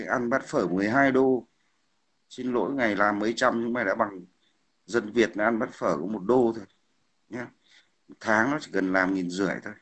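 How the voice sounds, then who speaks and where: A man's voice: on the low side, a bit bright, slightly rough. A man ranting combatively on a livestream, hurling insults and repeating "hiểu không?". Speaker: livestream host. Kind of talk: heated political livestream rant.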